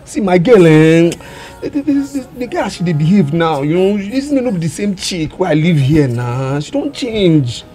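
A man's voice: high voice, big pitch swings, moderate pace, mellow. An actor with a Nigerian accent playing a lovesick young man who mixes in Pidgin and repeats himself. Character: lovesick young man begging for his girl. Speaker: man returned from abroad, pleading over his girlfriend. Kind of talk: film drama acting.

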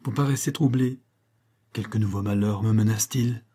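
A man's voice: lowish voice, moderate pace, warm tone, breathy edge. A man reading the part of a young queen who pleads and prays with fervor in an audiobook. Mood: tense. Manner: pleading, fervent. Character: young queen, anguished and devout.

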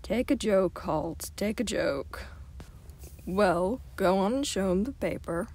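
A woman voicing a stern, bearded middle-aged baron in an audiobook reading, speaking low, measured and at times hushed. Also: expressive. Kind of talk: audiobook character voice.

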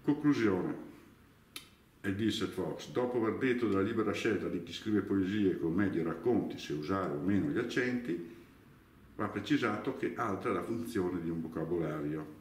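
Low-voiced guy going slow through word lists, echoey room, sounds far from the mic. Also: a little hiss or hum. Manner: deliberate, spells out examples word by word. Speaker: dialect teacher. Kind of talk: slow spoken lesson, reading out word lists.

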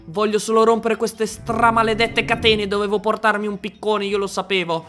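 High, bright-voiced excitable Italian gamer man. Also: moderate pace, faint music behind. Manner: animated, yelps and shouts at the game. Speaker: Minecraft YouTuber. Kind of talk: excited gameplay commentary.

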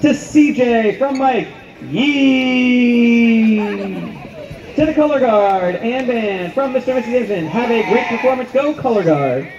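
A man announcing at a stadium, reading shout-out messages over the PA with playful, jokey asides. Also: very high voice, animated, moderate pace, hardly any pauses, some chatter behind. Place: outdoor stadium at a band show. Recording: echoey lo-fi stadium PA with faint music.

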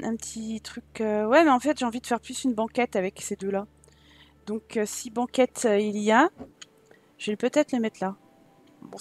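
A woman's voice: medium pitch, fairly bright tone. A woman with a southern French accent giving casual let's-play commentary, chatting to her viewers and thinking aloud as she decorates. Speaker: gaming YouTuber.

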